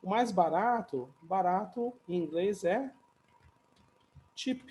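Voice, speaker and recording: A man's voice: high voice, expressive, slow, a little mellow, lo-fi sound. A man teaching English comparatives in a casual, chatty video lesson, often adding little tag questions and light jokes.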